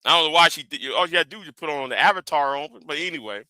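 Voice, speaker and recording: A man's voice: on the high side, animated, very fast, pushed and bright, no room sound, low-quality recording. A man hosting an informal livestream rant, stammering and often repeating the starts of his phrases. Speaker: livestream host.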